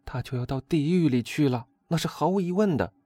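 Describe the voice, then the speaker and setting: A frightened noble lady pleads in a high, strained voice, put on by a man reading the story. Her voice swings widely as she begs. The sound is dry and close. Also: expressive, brisk, warm tone, no room sound. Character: frightened noble countess, woman, anxious and pleading.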